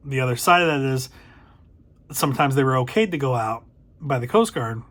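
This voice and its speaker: A man's voice: medium pitch, brisk, fairly bright tone. A middle-aged man hosting a casual spoken book review, thoughtful and a little hesitant, correcting himself as he goes. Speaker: book reviewer, channel host.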